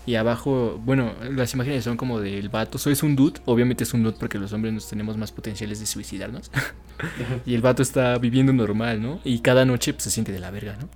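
A man's voice: medium pitch, fairly even intonation, brisk, darkish tone. A young man with a Mexican accent, co-hosting a podcast in casual chat, rambling with fillers and laughing often. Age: young adult. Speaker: podcast co-host.

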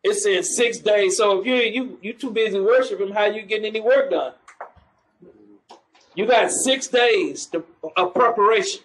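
A man's voice: sits high, moderate pace, fairly bright tone, a little hiss or hum, low-quality recording. A man preaching in the street, mocking churchgoers and calling for the next verse to be read. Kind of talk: street preaching with scripture reading.

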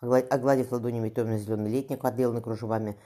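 A woman's voice: extremely low pitch, fairly even intonation, rapid-fire, dark tone. A woman narrating a historical novel as an audiobook reader, reading plainly with occasional restarts.

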